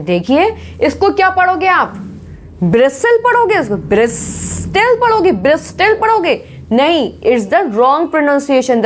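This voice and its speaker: A woman teaching English pronunciation, who drills each word and asks and answers her own questions. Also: high-pitched. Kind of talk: spoken English lesson.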